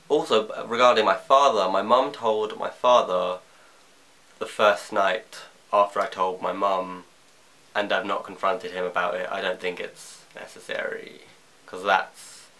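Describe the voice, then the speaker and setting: A young man speaks in a fairly low voice with a bright, forward edge. He tells a personal story haltingly and reflectively, as in a confessional vlog from his bedroom. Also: creaky. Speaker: vlogger. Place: bedroom at home.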